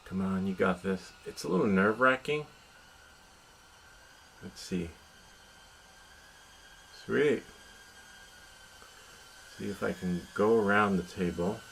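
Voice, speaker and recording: A man hosts an indoor hobby how-to vlog from inside a house, rambling through live commentary, joking at his own expense and muttering to himself. His voice is lowish and a bit bright with vocal fry, and he speaks slowly, pausing often. The audio is poor, with constant background noise in the room.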